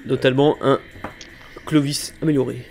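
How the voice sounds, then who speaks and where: A man playing a steady colonel in a tabletop game, speaking deliberately and with some hesitation. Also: mid-range voice, creaky, slight background noise, lightly acted. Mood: measured. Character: steady male colonel bluffing his way through negotiations.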